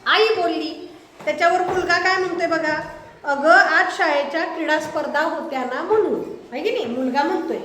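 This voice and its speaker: A very high-pitched woman teaches a live class and keeps asking her pupils check questions as she goes. Her voice rings around a roomy, echoey classroom. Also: moderate pace, a bit bright, slight background noise. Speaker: schoolteacher. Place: school classroom with pupils present.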